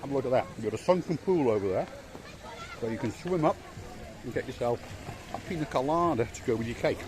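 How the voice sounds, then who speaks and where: A man's voice: medium pitch, expressive, fast. An older man giving an enthusiastic walk-around commentary of a hotel, repeating his praise as he goes. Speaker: vlogger touring a hotel. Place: outdoors and indoors in a hotel, walking.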